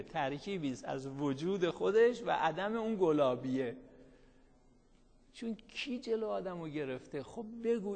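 A man's voice: sits high, creaky, big-room sound. A man teaching a class who reads a line of the text, then explains it in everyday speech, often asking the students questions and answering them himself. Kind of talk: classroom lecture.

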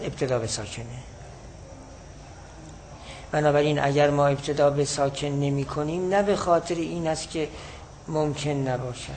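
A man teaching a class, explaining a classical text in a measured way and repeating his key points. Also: fairly high pitch, a little mellow, slight background noise, rough recording.

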